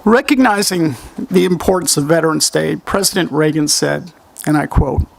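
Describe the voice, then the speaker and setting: A man giving formal ceremony remarks as master of ceremonies, speaking in measured, courteous tones at a lectern microphone. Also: a little high, vocal fry, no room sound, rough recording.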